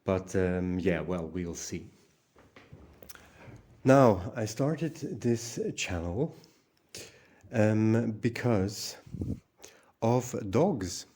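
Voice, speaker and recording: Low, mellow man rambling with fillers. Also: expressive, very slow, long pauses. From Hungary. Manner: rambling, many fillers and restarts. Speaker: channel host. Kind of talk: casual monologue vlog.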